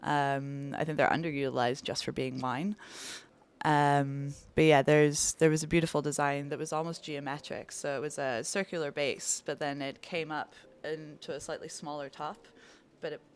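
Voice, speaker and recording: A woman's voice: low voice, level tone, moderate pace, clear, resonant tone. A woman in her thirties from Belgium, a bartender talking enthusiastically in a casual podcast interview, lingering on descriptive words. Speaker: bartender guest.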